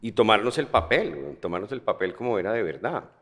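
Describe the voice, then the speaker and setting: A man's voice: on the low side, lively intonation, fairly quick, a bit bright. A man with a Colombian accent, a guest actor on a podcast, telling stories in a joking, slangy way. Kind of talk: casual podcast conversation.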